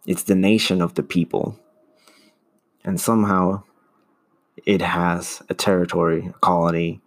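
A man's voice: sits low, flat delivery, a little slow. A man hosting his own podcast, talking earnestly in a casual monologue and often restarting to find his words. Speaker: solo podcast host.

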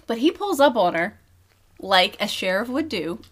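A woman's voice: medium pitch, moderate pace. A woman co-hosting a casual chat, retelling a movie scene by scene, acting out the characters' lines and laughing often. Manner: animated storytelling, acts out characters' lines, frequent laughter. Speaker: podcast co-host.

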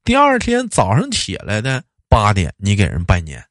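A man's voice: fairly low pitch, wildly swooping pitch, normal speed, no echo, clean studio sound. A man with a Northeastern Chinese accent hosting a talk show in a colloquial, comic ranting style full of rhetorical questions. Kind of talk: casual comic rant and banter.

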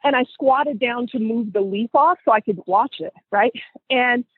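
A woman co-hosting a group call, telling stories in an animated way with laughter. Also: on the high side, moderate pace, husky, no room sound. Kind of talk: casual inspirational talk. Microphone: phone. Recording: phone line audio.

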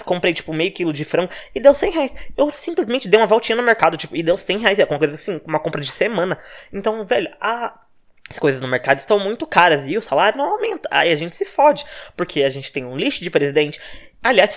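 A young Brazilian man with a Brazilian Portuguese accent, hosting a casual solo podcast from home, talking fast and animated with profanity, his home microphone sometimes clipping. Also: high-pitched. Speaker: podcast host.

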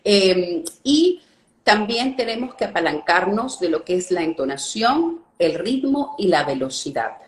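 A woman's voice: on the low side, big pitch swings, a little slow, echoey room. A woman explaining speaking techniques as a guest coach, checking in with listeners often. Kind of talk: instructional live-stream talk.

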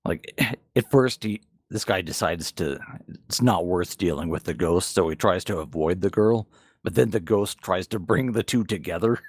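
Dry and studio quality, the recording captures a podcast co-host whose low voice is slightly rough and moves at normal speed. He chats casually about games and manga, frank and occasionally profane.

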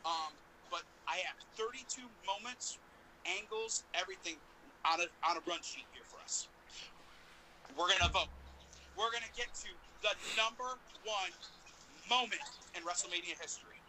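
A man's voice: high-pitched, normal speed, sharp tone, a little hiss or hum, low-quality recording. A man hosting a podcast in a casual, chatty style. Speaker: podcast host.

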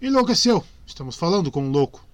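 A man's voice: on the high side, very animated, quick pace, dry recording, pitched above the performer's own voice. A man voicing a grim middle-aged male witcher who gives short, commanding orders, in a dry close recording. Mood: stern.

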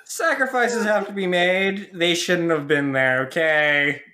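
A man chatting casually as a player in a tabletop game, with a hesitant, deadpan manner. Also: sits high, a little slow.

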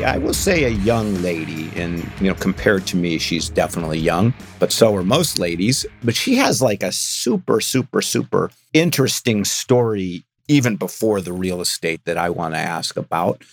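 Deep-voiced older male podcast host. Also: expressive, moderate pace, few pauses, soft background music. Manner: announcer-style delivery in the intro, chatty and joking in conversation. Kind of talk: interview podcast with scripted intro.

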